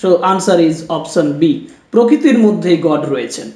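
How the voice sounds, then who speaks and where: A man teaching an exam-prep lesson, reading each English question slowly and then explaining it quickly in Bengali. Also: sits high, sing-song, dark tone, echoey room.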